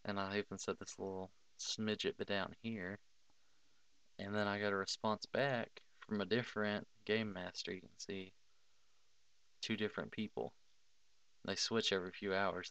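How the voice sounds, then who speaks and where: Young man, casual blunt commentary, lots of swearing, clear smooth voice, dry room. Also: sits low, flat delivery, normal speed, fairly bright tone, no room sound. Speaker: gamer giving advice. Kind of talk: casual screen-recording commentary.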